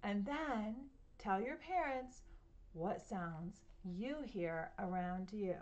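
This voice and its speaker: A woman's voice: medium pitch, slow, lo-fi sound. Woman reading a picture book to kids. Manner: gentle, asks the listening children questions. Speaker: children's story reader. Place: at home.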